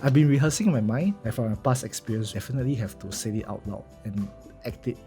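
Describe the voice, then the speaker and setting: Faint music plays behind a quick, mellow, medium-pitched male voice. The speaker, a young first-time stand-up comic with a strong Singaporean accent, rambles casually and pokes fun at himself in his travel vlog, swearing when anxious.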